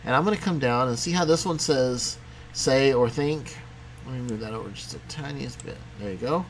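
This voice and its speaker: A man teaching a programming lesson in a casual, conversational way, talking as he clicks through software. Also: medium pitch, normal speed, a little hiss or hum. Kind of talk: screen-recorded coding tutorial.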